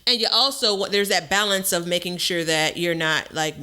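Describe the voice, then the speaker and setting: A man's voice: sits high, moderate pace, pushed and bright, smooth. A man hosting a podcast in casual chat, talking in a conversational, discursive way. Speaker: podcast host.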